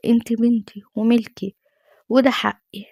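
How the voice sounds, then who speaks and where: A woman's voice: a little high, level tone, normal speed, vocal fry, darkish tone, dry recording, studio quality. A woman voicing a cold, menacing middle-aged father with an Egyptian Arabic accent, in a dismissive tone.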